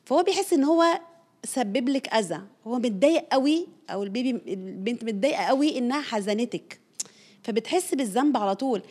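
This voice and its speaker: An earnest woman with an Egyptian Arabic accent explains parenting in a conversational teaching talk. She speaks at a rapid clip in a slightly high voice. She circles back over her points to make them stick. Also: lively intonation, warm tone.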